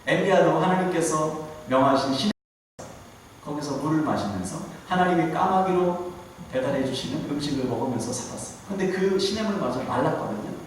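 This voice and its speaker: A male guest pastor delivers a lively sermon, slipping into different voices for quoted speech. His fairly high voice rings out across a large, echoing church hall. The mic sits far off, and faint room noise lies under the speech. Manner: animated preaching, acting out God's and Moses' words in quoted voices. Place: church sanctuary. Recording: echoey church hall picked up from a distance.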